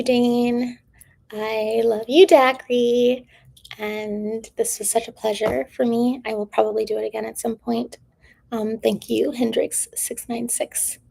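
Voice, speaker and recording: A woman's voice: on the high side, creaky, warm tone. A woman hosting a casual livestream, rambling with lots of fillers and drifting into whispers, her throat strained from talking. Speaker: livestream host.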